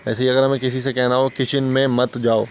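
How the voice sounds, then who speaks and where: A man's voice: mid-range voice, little pitch movement, brisk, a little hiss or hum. A man teaching an English lesson for beginners, patiently explaining and answering his own questions.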